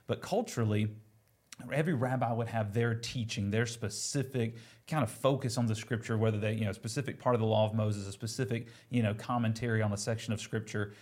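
A man's voice: fairly low pitch, a little mellow. A man hosting a conversation, speaking in a thoughtful, reflective way and drawing on scripture. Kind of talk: casual chat.

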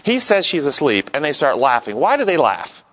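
A man's voice: on the high side, wildly swooping pitch, moderate pace, fairly bright tone, a little hiss or hum. A man leading an interactive Bible lesson, talking conversationally and putting questions to his audience. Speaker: Bible study teacher.

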